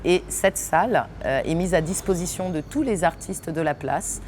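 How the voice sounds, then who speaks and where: A woman's voice: on the low side, moderate pace, a little hiss or hum. A woman from French Guiana, an actress and theatre company owner, answering interview questions with lots of laughter and hesitations in an unfinished theatre hall. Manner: lively, laughs often, many hesitations.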